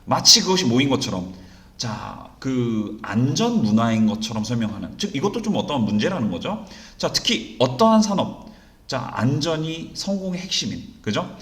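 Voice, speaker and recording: A man teaching an exam-prep English reading lesson in Korean. He keeps asking rhetorical questions and answering them himself, and he reads the English sentences slowly and deliberately. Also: medium pitch, sing-song, fairly bright tone. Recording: roomy echo.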